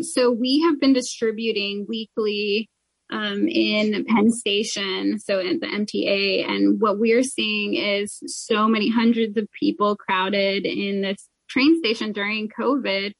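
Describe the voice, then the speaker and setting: Even-toned woman guest, very dry sound. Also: mid-range voice, no echo, rough recording. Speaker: interview guest, community organizer. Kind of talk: unscripted explanatory interview answers.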